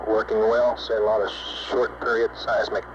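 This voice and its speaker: A man's voice: lowish voice, level tone, normal speed. An American man as flight director, talking in a clipped, businesslike way on an astronaut radio intercom loop. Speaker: flight director in mission control. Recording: muffled, noisy mission control intercom.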